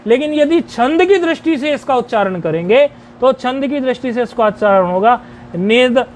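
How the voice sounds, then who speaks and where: A man teaching a grammar lecture, explaining rules deliberately and chanting each rule syllable by syllable. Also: very high voice, animated, a little hiss or hum.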